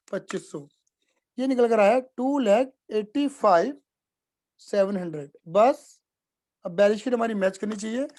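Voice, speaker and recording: A man's voice: high voice, a little mellow. A man teaching accounting in a casual live class, repeating points and often checking whether students follow. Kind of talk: live online class explanation.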